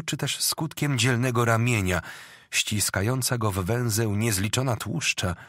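A man's voice: fairly low pitch, fairly bright tone, breathy edge, dry recording, clean studio sound. A man reading epic verse aloud as an audiobook narrator, declamatory and rhythmic.

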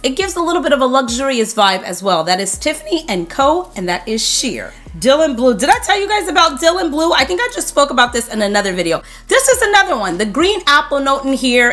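A woman's voice: high voice, fairly bright tone. A woman in her thirties talking to camera in a fragrance review vlog, enthusiastically running through lists of scent notes, recorded at home at a desk. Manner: enthusiastic, listing notes in quick rhythmic runs. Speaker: beauty vlogger. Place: home room with a desk display.

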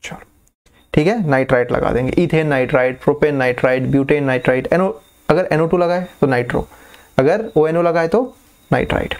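A man explains chemistry in a relaxed, coaxing way. His voice is gravelly and sits a little high. He drags out key terms and keeps checking that his students are following. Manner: coaxing, checks understanding often; repeats key terms slowly. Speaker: chemistry teacher. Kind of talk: casual classroom explanation.

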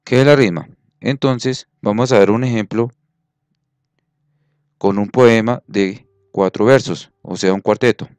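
A man's voice: lowish voice, measured pace, long pauses, darkish tone, clean tone, dry recording. A man teaching a classroom lesson, patient, counting syllables aloud and checking that students follow.

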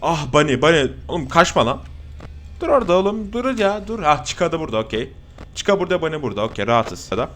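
A man giving casual, jokey horror gameplay commentary as a streamer. He gets excitable, swears often and talks straight to his viewers. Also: on the high side, quick pace, a little hiss or hum. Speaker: gaming streamer.

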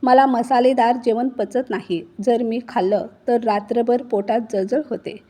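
A woman's voice: fairly high pitch, steady tone, normal speed, dark tone, natural voice. A woman voicing a weary young daughter-in-law who speaks politely and holds back in a storybook reading. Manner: polite, restrained.

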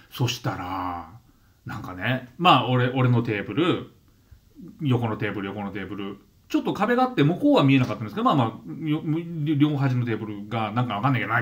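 A man's voice: mid-range voice, a bit bright. A man in his fifties from Gunma, Japan, hosting his own channel and telling a story to camera in a casual monologue. He often restarts and repeats words, and briefly mimics the people he describes. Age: 50s. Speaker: channel host.

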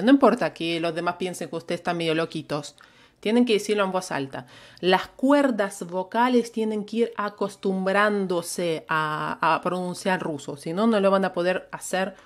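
A native Russian speaker with a Russian accent teaches a live online language lesson, patiently repeating phrases for learners to copy. Her voice is fairly low in pitch.

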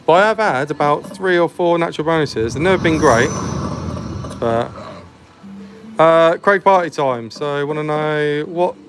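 A man's voice: a little high, normal speed. A young man, the host of a gambling channel, chatting casually and swearing as he plays the slots, often mocking himself. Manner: laid-back, swearing, self-mocking. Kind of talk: casual commentary on slot play. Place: arcade or bookmaker's with slot machines. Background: slot machine music.

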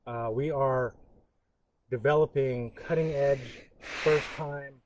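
A cultural educator from Northern California gives an educational talk over a live stream, his medium-pitched voice holding a steady tone. He comes across as earnest but halting, pausing and restarting often, with noise in the background.

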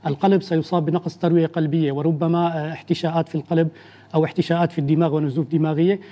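Male physician guest, rapid measured explainer with a dark, mellow voice. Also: fairly high pitch, little pitch movement. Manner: measured, explanatory, with frequent restarts. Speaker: internal medicine doctor, guest. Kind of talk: explaining medical facts in a TV interview.

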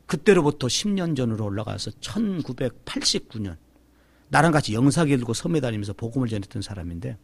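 A middle-aged man, a pastor, telling a testimony sermon in an animated storytelling way, acting out the voices of the people in his story. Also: medium pitch, fairly quick, vocal fry, husky, no room sound.

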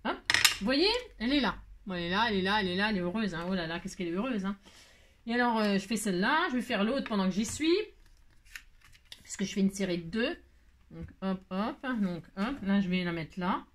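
A woman hosting a casual craft tutorial, chatting to viewers in a rambling, hurried, self-mocking way with many asides. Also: medium pitch, expressive, a little hiss or hum.

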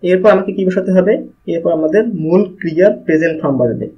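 A man's voice: sits high, fast, husky. A man with a Bangladeshi accent teaching an English grammar video lesson, explaining step by step and asking and answering his own questions. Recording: muffled lo-fi recording.

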